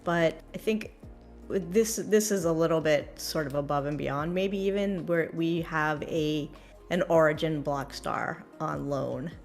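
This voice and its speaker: Woman, co-host, low voice, halting filler-laden speech, wry jokes, faint music underneath. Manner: hesitant, filler-heavy, wry. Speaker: co-host of a crypto dev livestream. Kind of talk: casual livestream chat.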